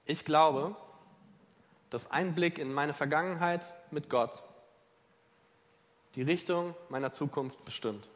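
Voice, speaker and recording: High-voiced male preacher in echoing hall. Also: slow pace, pauses often. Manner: emphatic, questions the listeners directly. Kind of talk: sermon. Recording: long reverb of a large hall.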